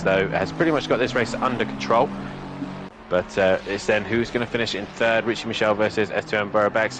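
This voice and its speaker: A man's voice: lowish voice, noisy background. A man giving live motorsport commentary and race analysis as a co-commentator.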